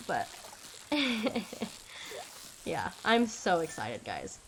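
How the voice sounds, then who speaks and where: A young woman chatting casually on a gaming stream, excitable and rambling with lots of fillers. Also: on the low side, drawn-out words, gravelly, noisy background.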